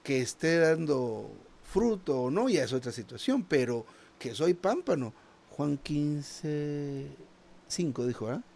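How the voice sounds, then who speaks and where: A man's voice: fairly high pitch, very animated, slow, creaky, darkish tone, a little hiss or hum. Man preaching in a conversational tone. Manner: conversational, asks the listeners "¿verdad?" often; repeats small words while searching for the next phrase. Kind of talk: sermon.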